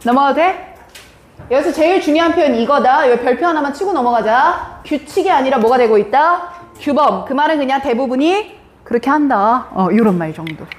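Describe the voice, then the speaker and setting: A woman's voice: high voice, fairly quick. A woman English teacher giving a live classroom lesson, quizzing and teasing her students as she goes. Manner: lively, questioning students, teasing. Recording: echoey classroom with faint hiss.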